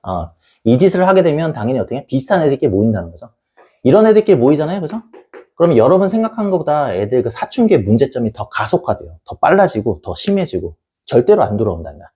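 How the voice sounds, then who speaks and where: A man's voice: mid-range voice, sing-song, fast, mellow, breathy edge. A man giving a blunt, colloquial parenting lecture to camera, acting out little scenes and swearing freely. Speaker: education YouTuber and tutor.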